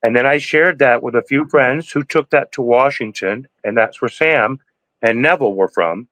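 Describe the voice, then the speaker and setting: This sixties-aged man is a cannabis breeder guesting on a podcast, and his casual interview answers wander, sermonize and keep restarting. He speaks at normal speed in a mid-range, somewhat bright voice. There's no echo, though the recording quality is low.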